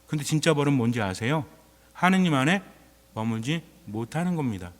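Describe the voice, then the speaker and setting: Priest preaching in a reverberant church. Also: male voice, mid-range voice, lively intonation, a little fast. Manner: conversational preaching, quizzing the congregation. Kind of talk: sermon. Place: church before a congregation.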